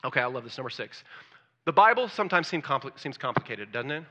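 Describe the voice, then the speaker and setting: A male pastor preaching a conversational sermon, often asking the congregation questions and swinging from loud excitement to soft, hushed tones. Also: mid-range voice, fast talker, dull audio.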